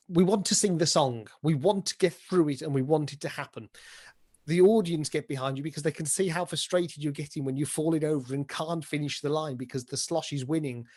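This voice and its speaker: Here a British theatre performer and director, known for playing pantomime dame, chats in an interview about stagecraft, eager and full of examples. His voice is on the high side with a darkish tone, delivered at a moderate pace.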